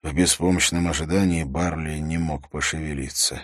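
A man giving a steady, measured audiobook narration. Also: extremely low pitch, dry recording, clean studio sound. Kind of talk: scripted narration.

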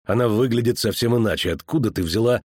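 A man reading a weary witcher in a storybook voice: very low, husky and clipped. The delivery is dry and close to the mic, terse and unhurried. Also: darkish tone, no room sound. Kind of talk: audiobook character reading.

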